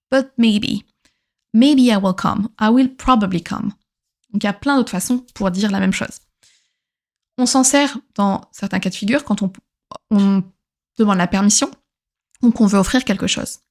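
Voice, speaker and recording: A woman's voice: medium pitch, unhurried, pauses often. A woman from France giving a patient grammar lesson, repeating each example twice and then translating it. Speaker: English teacher.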